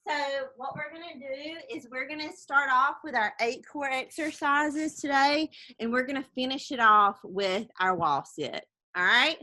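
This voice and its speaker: Woman, aerobics instructor, bright forceful voice, slow measured delivery, encouraging counts and cues. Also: high-pitched. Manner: upbeat, encouraging. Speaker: group fitness instructor. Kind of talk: aerobics class instruction, counting and cueing moves.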